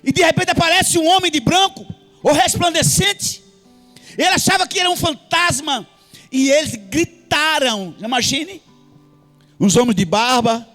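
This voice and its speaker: A man's voice: extremely high pitch, a little slow, fairly bright tone. A man preaching a sermon in church with a Brazilian Portuguese accent, impassioned and sing-song, with frequent hallelujahs. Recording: faint music behind.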